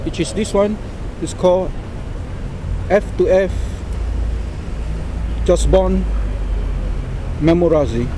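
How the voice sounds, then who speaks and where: A middle-aged Singaporean man with a fairly high voice demonstrates products in informal Singlish. His phrasing is halting and deliberate. He is outdoors, with clear traffic noise around him. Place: outdoors by a car park and exhibition centre. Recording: noisy outdoor recording with traffic ambience.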